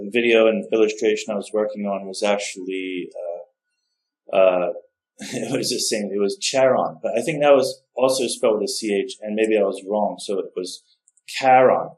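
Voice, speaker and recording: A man's voice: on the low side, a little mellow, rough recording. A man casually narrating a digital coloring tutorial, rambling and correcting himself, often unsure how to pronounce names. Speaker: art tutorial host.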